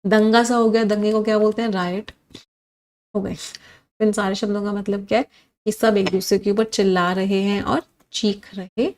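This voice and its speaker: A woman's voice: medium pitch, normal speed. A woman with an Indian accent teaching English vocabulary in a live online class, listing synonyms and reading out student comments. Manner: animated, reads comments and drills synonyms with students.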